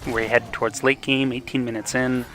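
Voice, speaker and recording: A young man casting a live esports match with the hiccups, calling plays quickly and getting excited during fights. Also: mid-range voice. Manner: rapid excited play-by-play that rises in fights. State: has the hiccups. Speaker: esports caster.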